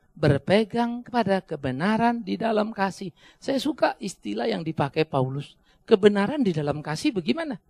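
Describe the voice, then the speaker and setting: Gravelly high-voiced male pastor preaching. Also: no room sound. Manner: conversational, animated preaching with humor. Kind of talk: sermon.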